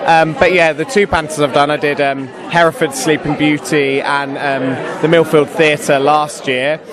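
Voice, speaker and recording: A man's voice: on the high side, flat delivery, a little slow, a crowd in the background. A young British man, an actor, chatting casually and enthusiastically in an interview. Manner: enthusiastic, gushing. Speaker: pantomime actor and singer.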